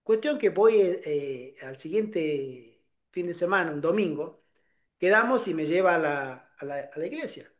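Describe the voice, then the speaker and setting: A man preaching a sermon, telling a personal story with animated storytelling and acting out the voices of the people in it. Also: on the high side, measured pace.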